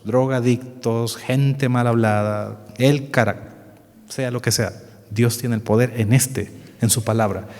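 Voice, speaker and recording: A man with a Salvadoran Spanish accent, teaching a Bible study seminar, earnest and repeating key phrases while quizzing the class. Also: mid-range voice. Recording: hall with long reverb.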